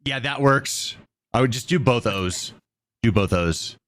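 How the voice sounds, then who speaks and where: A man's voice: medium pitch, fairly bright tone, dry recording. A man streaming casually and directing an editor in a blunt, bossy, sweary way, drawing out his S sounds. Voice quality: drawn-out S sounds. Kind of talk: casual live-stream talk.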